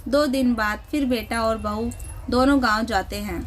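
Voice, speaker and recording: Woman storyteller, steady scripted narration, slightly high voice. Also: normal speed, a little hiss or hum, poor audio.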